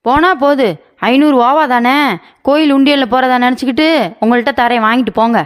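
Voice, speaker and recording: A woman's voice: high voice, steady tone, a little fast, lightly acted. A woman voicing a mother in a cartoon story who argues indignantly with a neighbour to defend her son. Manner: indignant, argumentative.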